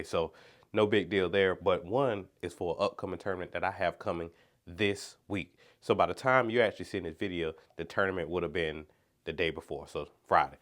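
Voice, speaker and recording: A man with a low voice, stuffed up and nasal from congestion. He hosts a fishing channel and talks loosely and chattily, full of "like" and "so", as he unboxes gear in a casual vlog. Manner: chatty and rambling, with lots of "like" and "so". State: congested, talking through his nose.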